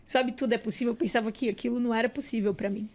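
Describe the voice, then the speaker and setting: A woman with a Santos Brazilian accent, a podcast guest and psychologist, telling a personal story in an animated way. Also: on the high side, very fast. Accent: Brazilian Portuguese, Santos. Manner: animated, acts out quoted dialogue. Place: podcast studio.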